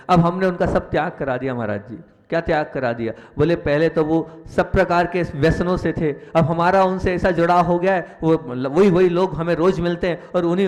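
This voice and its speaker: Man giving an echoing sermon. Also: a little mellow. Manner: rises in pitch and volume for emphasis, repeats phrases. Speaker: Jain monk. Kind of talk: sermon with storytelling. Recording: long hall reverb.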